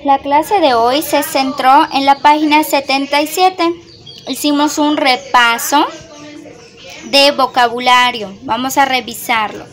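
A woman's voice: high-pitched, a bit bright. A woman with a Mexican Spanish accent, a primary English teacher, going through a textbook page step by step and mixing Spanish and English. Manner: very slow, step-by-step, switches between Spanish and English.

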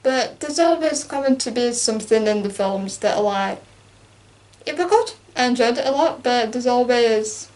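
A woman's voice: a little high, moderate pace. A young woman chatting casually about a film she watched, acting out lines and laughing as she goes. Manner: chatty and animated, acts out quotes with laughs. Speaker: co-host. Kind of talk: casual chat reviewing a film.

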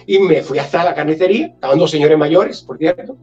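A man from Galicia, Spain, a guest telling an anecdote in an animated way and acting out the dialogue. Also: a little high, fairly quick, far from the mic, muffled recording, faint music behind. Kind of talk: storytelling anecdote.

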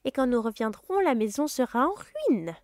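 A woman reading aloud and voicing a snappish, spiteful middle-aged aunt in a high, sharp voice. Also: sing-song, normal speed, dry recording, clean studio sound.

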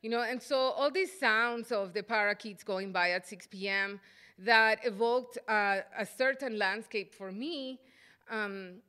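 A middle-aged woman from El Salvador lectures at a podium microphone in a hall. Her voice is bright and smooth. She speaks thoughtfully, pausing often with fillers. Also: fairly high pitch. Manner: thoughtful, halting with frequent fillers. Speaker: artist giving a lecture. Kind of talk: lecture presentation.

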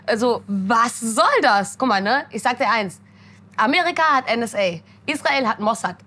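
Young woman, casual talk guest. Animated storyteller, bright and lively in pitch. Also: moderate pace. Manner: animated storyteller, acts out her mother's voice. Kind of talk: casual chat.

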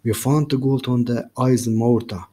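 A man's voice: medium pitch, steady tone, normal speed, mellow, natural voice. A man voicing a stern older male pirate captain in a storybook read-aloud, speaking solemnly.

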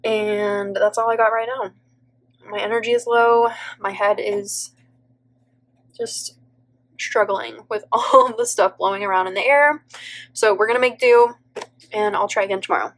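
A planner vlogger and teacher in her thirties talks unhurriedly in a medium-pitched, steady, slightly bright voice, pausing often. Allergies have left her stuffy, and her casual plan-with-me voiceover is a think-aloud ramble sprinkled with "like" and little laughs. She works at her home table under an overhead camera pointed at her planner.

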